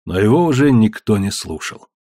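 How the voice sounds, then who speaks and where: A man reads an audiobook with a dramatic, expressive delivery. His voice is husky and his pitch moves a lot. The recording is dry and close, with no room sound. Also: normal speed, no echo. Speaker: narrator. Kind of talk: audiobook narration.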